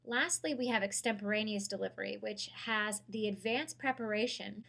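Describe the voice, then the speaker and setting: A woman, a public speaking instructor giving a clear, measured course lecture. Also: mid-range voice, a bit bright.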